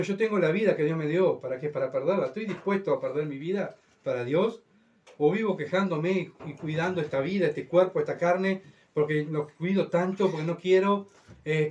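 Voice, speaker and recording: A man's voice: high-pitched, far from the mic. Emphatic Uruguayan man preaching. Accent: Uruguayan Spanish. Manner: emphatic preaching, swinging between loud and hushed. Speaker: pastor. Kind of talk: sermon.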